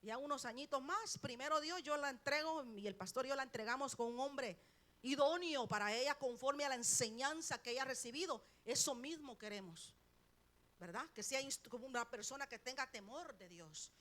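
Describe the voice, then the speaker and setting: A middle-aged woman preaching a sermon as the pastor's wife. She swings between loud, stressed peaks and quiet drops, often asking the congregation questions. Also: high-pitched, moderate pace. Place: church sanctuary.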